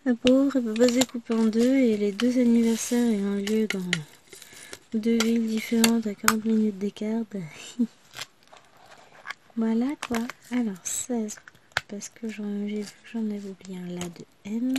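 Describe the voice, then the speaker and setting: A woman's voice: on the high side, steady tone, unhurried, noisy background. A woman vlogger chatting casually to her viewers in a rambling way, her voice still breaking now and then after she lost it. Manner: rambling, chatty, many small asides.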